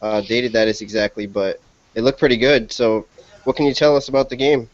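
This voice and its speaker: A man's voice: medium pitch, steady tone, brisk, no room sound. A man with a Boston accent hosting a casual podcast interview, asking long, rambling questions. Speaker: podcast host. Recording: dull lo-fi dry podcast audio.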